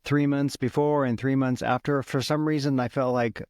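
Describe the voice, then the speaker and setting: A man in his late forties, hosting a podcast, chatty and enthusiastic, with quick interjections. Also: mid-range voice, fairly even intonation, darkish tone, smooth, no echo, studio quality. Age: 40s. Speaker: podcast host. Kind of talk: casual interview chat.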